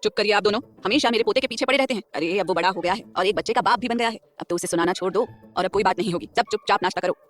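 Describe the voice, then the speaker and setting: A woman's voice: medium pitch, rapid-fire, few pauses, soft background music, pitched below the performer's own voice, close to an everyday voice. A woman voicing a stern but loving elderly grandmother who runs the family, speaking firmly and with affection. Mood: commanding. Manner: firm, commanding yet affectionate.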